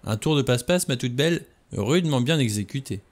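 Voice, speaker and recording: A man's voice: medium pitch, expressive, a little fast, voice pushed up, natural voice. A man reading a novel aloud, voicing a menacing, mocking adventurer in a raised, snarling voice. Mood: sneering.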